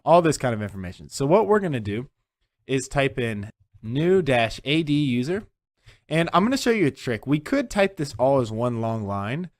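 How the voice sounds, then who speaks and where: A man's voice: medium pitch, no room sound. Male tech instructor, mid-range voice, dry close sound, patient step-by-step screen tutorial delivery. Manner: walks through steps one by one, often checking in with "okay?". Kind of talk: screen-recorded software tutorial.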